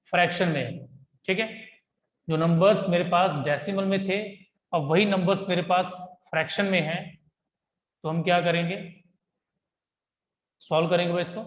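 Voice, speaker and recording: Young male math tutor, high voice, chatty classroom delivery, roomy echo. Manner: chatty, repeats "ठीक है जी" and "भाई". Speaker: math teacher. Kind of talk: classroom-style math lesson. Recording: echoey room.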